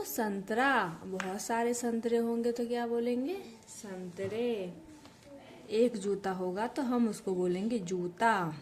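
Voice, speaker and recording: Young woman teacher doing a kids grammar lesson, slow sing-song asking questions, warm mellow voice, a bit of hiss behind. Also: a little high.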